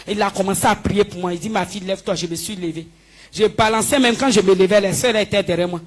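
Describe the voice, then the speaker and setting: A woman giving a spoken healing testimony in church, telling her story with lively, acted-out dialogue. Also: medium pitch, quick pace. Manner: animated storytelling, acting out dialogue with the pastor. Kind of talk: spoken testimony before a congregation.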